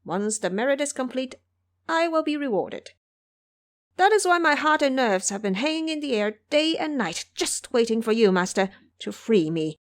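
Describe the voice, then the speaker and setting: Woman voicing Sun Wukong, frantic high-pitched monkey demigod. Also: big pitch swings, normal speed. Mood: earnest pleading. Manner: frantic, eager, yelling. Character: excitable, pleading male monkey demigod, boastful and eager.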